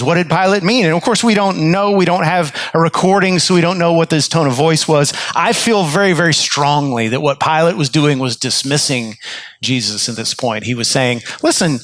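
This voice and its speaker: A man's voice: fairly high pitch, a bit bright, no room sound, poor audio. Earnest male pastor, dry close sound. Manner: earnest storytelling, voices inner thoughts of characters; frequent repeated words and restarts. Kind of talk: sermon.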